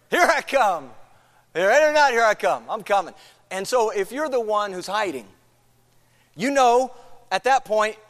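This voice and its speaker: Male pastor with a high voice, conversational sermon, long church hall reverb. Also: fairly bright tone. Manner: conversational, poses questions to the congregation. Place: church sanctuary.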